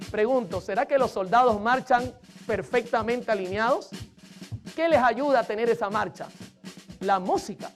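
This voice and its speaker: A woman giving a sermon-style lesson on rhythm and music, speaking emphatically, asking the listeners questions and counting beats aloud. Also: mid-range voice. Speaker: music teacher preaching.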